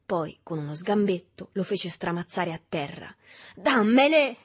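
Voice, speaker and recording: A woman reading a literary novel aloud in a measured, even storytelling manner. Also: on the low side, breathy edge. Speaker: audiobook reader. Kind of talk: literary audiobook narration.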